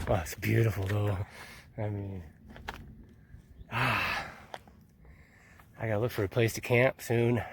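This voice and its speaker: This man speaks slowly at a fairly low pitch, his intonation fairly even and his speech broken by frequent pauses over a little hiss or hum. He's a thru-hiker filming a casual trail vlog outdoors in the mountains on a handheld phone, rambling, laughing a lot, occasionally swearing, and at times out of breath.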